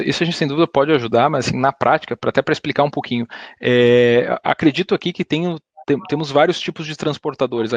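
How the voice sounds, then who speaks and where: A man's voice: a little high, gravelly, no echo. A man from Italy, an insurance broker answering questions in a webinar, hesitating often and restarting his sentences. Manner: hesitant, many fillers and restarts, uses English insurance words. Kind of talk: webinar Q&A explanation.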